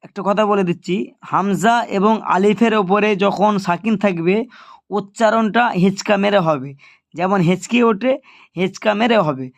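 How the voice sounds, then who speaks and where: A man's voice: sits high, moderate pace, dry recording. A man teaching Quran reading in Bengali style, patiently spelling out each syllable and then blending the sounds together. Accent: Bangladeshi Bengali. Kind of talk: spelling-out recitation lesson.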